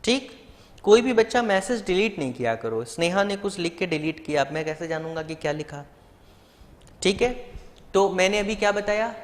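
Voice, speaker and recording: A man's voice: high-pitched, long reverb tail. A man teaching a live online biology class, explaining step by step and putting rhetorical questions to his students. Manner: addresses students directly and fondly.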